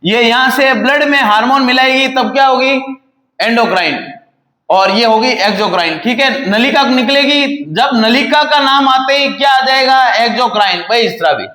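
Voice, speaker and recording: A high-pitched man with a bright, ringing voice teaches from a whiteboard. He asks the class questions and answers them himself, and he stretches out key to drill them in. His throat sounds a little sore, and the room around him is echoey. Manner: repeats key terms slowly for emphasis. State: slightly sore throat, clears it now and then. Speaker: paramedical teacher. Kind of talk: classroom lecture on video.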